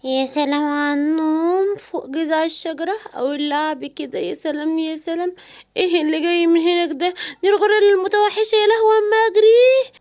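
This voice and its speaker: A woman with an Egyptian accent voicing a chatty, jittery forest animal in a cartoon, talking in a lively, teasing way. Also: extremely high pitch, fast. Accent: Egyptian Arabic.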